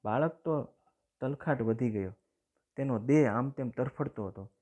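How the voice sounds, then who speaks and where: A man with a Gujarati accent teaching a lesson, reading a story aloud and then explaining it plainly, often clearing his throat. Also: mid-range voice, measured pace, dark tone.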